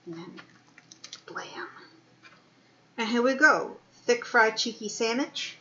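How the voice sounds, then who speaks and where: A woman hosts a laid-back cooking stream, chatty and playful, though a little low on energy. Her voice sits fairly high. The sound is roomy and slightly muffled, as if picked up in a home kitchen. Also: expressive, slow pace, pushed and bright, slight background noise. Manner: chatty, playful, laughs often. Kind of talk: casual cooking chat. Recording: echoey dull home recording.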